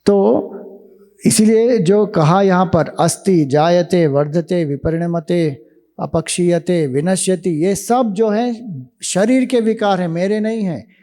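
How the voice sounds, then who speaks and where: A man giving a spiritual discourse, explaining ideas slowly with rhetorical questions to listeners in a hall. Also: high-pitched, warm tone. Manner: slow, deliberate, rhetorical questions. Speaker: spiritual teacher. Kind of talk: Vedanta discourse to youth camp.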